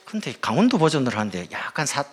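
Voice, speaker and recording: A man from the Gyeongsang region preaching a sermon as pastor, in a playful, lively way. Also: mid-range voice, quick pace. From Gyeongsang region, South Korea.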